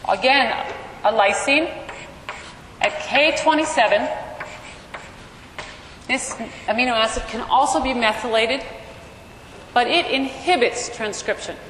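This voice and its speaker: A woman lecturer with a loud, somewhat high voice explains material to her class through a microphone amplified across a large lecture hall. She often checks in with a quick "okay?" or "right?", and the echoey recording carries faint noise.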